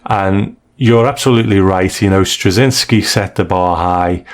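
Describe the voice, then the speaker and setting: Speaking as a podcast host, a man with a fairly low voice reviews things in a conversational, measured way. He politely softens any criticism he offers.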